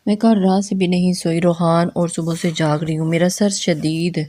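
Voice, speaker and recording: A woman reading the lines of an exhausted young bride who pleads gently with her husband, in a storybook reading. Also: on the low side, steady tone, lightly acted. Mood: tired. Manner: pleading, tired.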